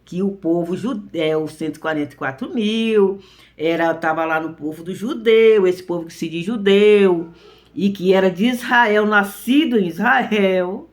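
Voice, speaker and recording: A man's voice: high-pitched, measured pace. A man preaching in an earnest, emphatic, informal way. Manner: earnest, emphatic, tags lines with "né?". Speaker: religious preacher.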